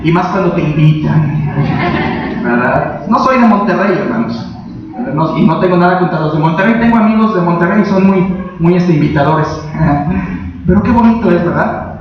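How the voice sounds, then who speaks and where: A man's voice: high-pitched, lively intonation, moderate pace, noisy background. A man preaching a sermon as a pastor, emphatic and full of rhetorical questions to the congregation. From Mexico. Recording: echoey, distant, dull sound.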